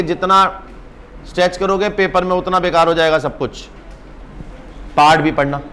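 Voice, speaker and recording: A male accounts teacher in a brisk exam-prep lecture, teasing and urging his students on. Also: sits high, sharp tone, slight background noise.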